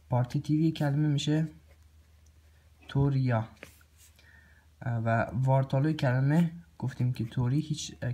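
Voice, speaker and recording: A man teaching a recorded grammar lesson. He pauses often with filler sounds and clears his throat now and then. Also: medium pitch, dark tone. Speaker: language teacher.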